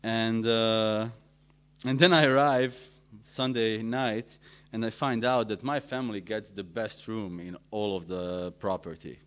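A man pastor from Serbia, giving a joking, self-deprecating conference talk in halting English. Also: fairly low pitch, fairly even intonation. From Serbia (former Yugoslavia). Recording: dull lo-fi sound.

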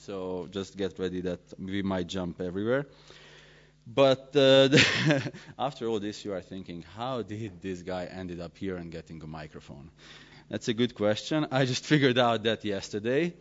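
A man pastor from Serbia, giving a joking, self-deprecating conference talk in halting English. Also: lowish voice, expressive. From Serbia (former Yugoslavia). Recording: dull lo-fi sound.

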